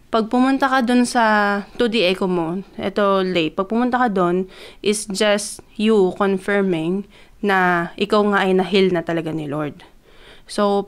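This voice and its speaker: Young filipina vlogger, smooth clear voice, chatty taglish storytelling, lots of fillers. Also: female voice, medium pitch. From Philippines. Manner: mixes Tagalog and English, with many fillers; grows excited as she retells. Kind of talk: casual personal testimony.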